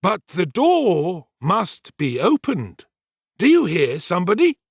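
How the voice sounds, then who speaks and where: A man voicing a pompous, self-important male servant in a storybook reading, with drawn-out, emphatic delivery. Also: sits high, wildly swooping pitch, slightly rough, no room sound, studio quality, voice pushed up, full character voice.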